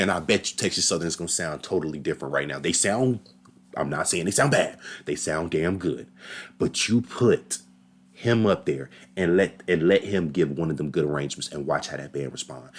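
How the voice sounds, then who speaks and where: A man giving casual, animated reaction commentary on a marching band battle, talking slangy and straight to his viewers. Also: low-pitched, fairly quick, slightly rough.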